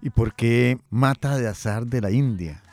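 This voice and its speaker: A man hosting a radio interview, asking questions in a measured, formal way. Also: mid-range voice, a little mellow, soft background music. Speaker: radio host.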